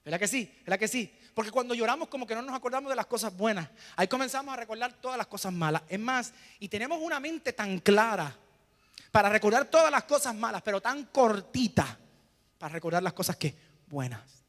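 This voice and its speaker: A male pastor preaching a sermon, asking rhetorical questions and pausing for the congregation to fill in the answer. He swings between hushed lines and loud, emphatic bursts. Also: high-pitched, animated, long reverb tail. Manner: preaching with rhetorical questions and call-and-response pauses.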